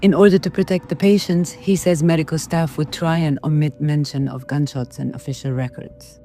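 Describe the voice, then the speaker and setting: Woman, scripted news voice-over, mellow warm timbre, soft music behind. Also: sits low, steady tone, moderate pace. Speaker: news narrator.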